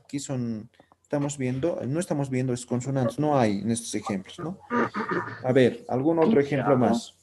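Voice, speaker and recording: A man's voice: medium pitch, normal speed, heavy background noise. A man teaching a language class who explains patiently and keeps checking that students follow with short tag questions. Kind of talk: live online class.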